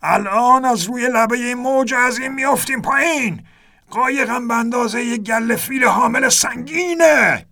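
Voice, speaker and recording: مردی در نقش ناخدای پیر فریادزن در طوفان. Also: male voice, high-pitched, breathy edge, voice pushed up, full character voice. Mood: urgent. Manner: desperate yelling over the wind. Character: old sea captain shouting in a storm.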